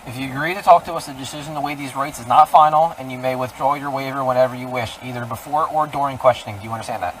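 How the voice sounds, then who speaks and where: A man's voice: mid-range voice, steady tone, fast talker, few pauses. A male police officer reading arrest rights in a formal, recited way, recorded on a body camera. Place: outdoors by vehicles, body camera. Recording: distant mic, loud outdoor traffic noise.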